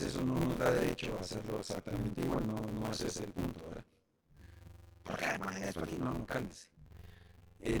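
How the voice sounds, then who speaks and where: A man's voice: mid-range voice, gravelly. A man preaching a sermon as pastor, speaking directly to the congregation.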